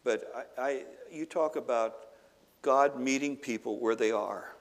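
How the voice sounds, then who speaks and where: A pastor preaching a sermon to his congregation, retelling a Bible story with animated, acted-out dialogue. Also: medium pitch, a little slow. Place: church sanctuary. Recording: long reverb of a large hall.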